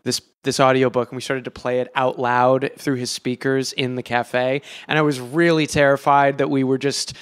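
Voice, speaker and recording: Brief: male podcast co-host, mid-range voice, relaxed storytelling. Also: medium pitch, normal speed, few pauses, clear, resonant tone. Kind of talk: casual podcast anecdote.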